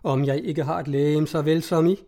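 A man voicing a polite, formal young gentleman traveler. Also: on the high side, steady tone. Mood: insistent.

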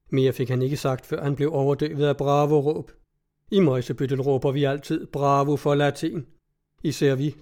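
A man's voice: fairly high pitch, mellow. A man reading a story aloud as a wry first-person storyteller.

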